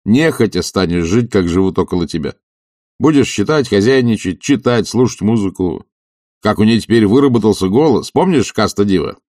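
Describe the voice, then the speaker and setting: Fields: man reading a calm steady friend. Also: lowish voice, normal speed, no room sound, clean studio sound, natural voice. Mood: reassuring. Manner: calm, reassuring. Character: steady practical friend, warm, teasing.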